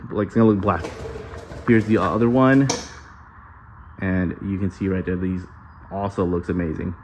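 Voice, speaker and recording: A man's voice: sits low, steady tone, normal speed, darkish tone, muffled recording, a little hiss or hum. A man giving a casual, hands-on how-to commentary, recorded on a handheld camera in a garage. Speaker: DIY car builder presenting. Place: metal-walled garage workshop.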